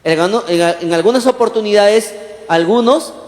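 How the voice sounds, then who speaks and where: A man preaches as pastor, his fairly high voice lively and full of questions thrown to the congregation. He acts out the lines he quotes. The church hall around him is roomy, with a long reverb trailing each phrase. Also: brisk. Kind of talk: sermon.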